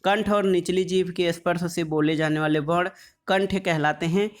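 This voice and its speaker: A man teaching an exam-prep lesson on Hindi phonetics, reading quiz questions and then explaining the answers, drawing out letter sounds slowly as he lists them. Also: sits high, steady tone. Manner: draws out sounds slowly when listing letters; calls the audience "friends".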